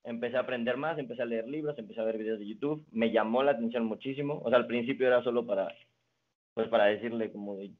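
Young man, guest, relaxed storytelling, mid-pitched voice, thin phone-like sound. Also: fast talker. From Mexico. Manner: relaxed storytelling with many restarts. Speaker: guest, card designer and magician. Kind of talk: casual interview chat. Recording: phone-like narrow band.

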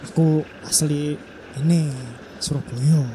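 A man's voice: fairly high pitch, little pitch movement, slow pace. A man from Sidoarjo with an East Javanese accent, trading playful jokes in casual banter. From Sidoarjo, East Java. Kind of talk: joking banter among train passengers. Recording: loud background noise.

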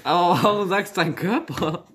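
A young man co-hosting a podcast, teasing his friend with quick questions in casual chat. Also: high-pitched, background noise. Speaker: podcast co-host.

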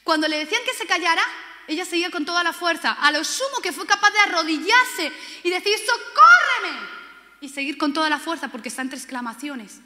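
A woman preaches with fervent passion, stacking repeated words for emphasis and slipping into the voices of the people in her stories. Her voice sits high and sounds bright. It carries a long reverb, as if it were filling a big hall. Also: lively intonation, quick pace. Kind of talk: sermon.

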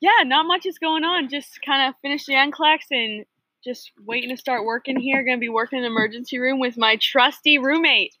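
A woman's voice: sits high, fairly quick, sharp tone, dry recording, rough recording. A young woman who is a guest on a casual podcast, friendly and detailed in her opinions. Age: young adult. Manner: friendly, gives detailed appraisals. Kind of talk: casual chat.

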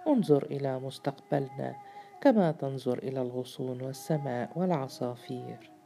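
A woman's voice: very deep voice, a little fast, gravelly, warm tone, soft background music. A woman voicing a caring young wife. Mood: earnest.

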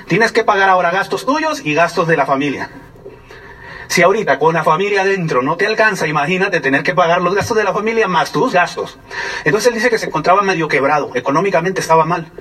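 Fast-talking husky Mexican man. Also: fairly high pitch, expressive, fairly bright tone. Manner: conversational, keeps asking the audience questions. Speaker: speaker giving a testimony. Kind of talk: storytelling talk to an audience. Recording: voice from far off the mic.

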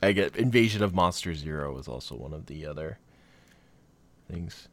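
A man co-hosting a casual chat about films, talking animatedly and jumping into excited mock voices. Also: very deep voice, normal speed. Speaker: podcast co-host.

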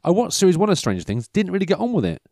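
Talking very fast and very animatedly, this high-pitched man in his 30s wanders through a casual monologue. His tone is a little mellow, the recording is dry, and he keeps cutting himself off, losing the thread, and mocking himself drily.

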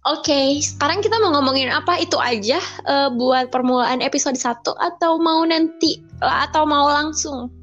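A woman's voice: high voice, moderate pace, a bit bright, faint music behind. A talkative, outgoing young woman co-hosting a podcast in casual chat, with a muffled lo-fi recording. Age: young adult. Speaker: podcast co-host.

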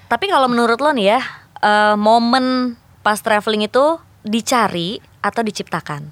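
A woman's voice: on the high side, moderate pace, dry recording. A woman hosting a casual chat, asking curious questions in informal slang with frequent murmured agreement. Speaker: host.

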